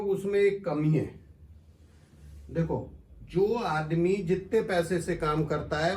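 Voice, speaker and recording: A man, an astrologer, talks straight to his viewers, explaining and instructing in a familiar way. His voice sits a little high. He sounds some way from the mic, in a room that echoes. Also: a little mellow, distant mic. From India. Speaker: astrologer giving market analysis. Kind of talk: casual explanatory talk to viewers.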